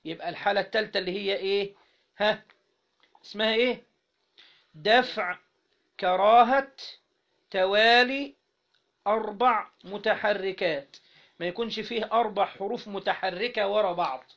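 A man with an Egyptian Arabic accent teaches Arabic grammar to a class in a high-pitched, gravelly, fairly bright voice. He repeatedly quizzes his students and sounds out syllables slowly, all captured on a dull lo-fi recording.

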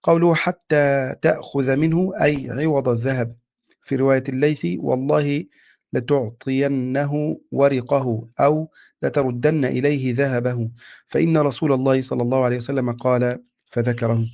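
A man's voice: medium pitch, normal speed, creaky. Man reading a classical text aloud. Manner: steady, respectful recitation. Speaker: student reading a text to his teacher.

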